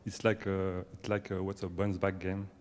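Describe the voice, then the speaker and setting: A man, a reporter asking halting questions at a press conference. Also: low voice, completely flat delivery, darkish tone. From France. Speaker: French media reporter. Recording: echoey press room with long reverb.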